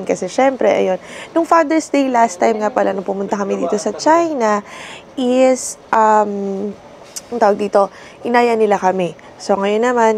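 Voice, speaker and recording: A young adult woman with a Filipino accent, chatting casually to her phone on a travel vlog, laughing often and filling pauses. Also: medium pitch, gravelly, darkish tone. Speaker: vlogger. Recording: noisy street and shop ambience.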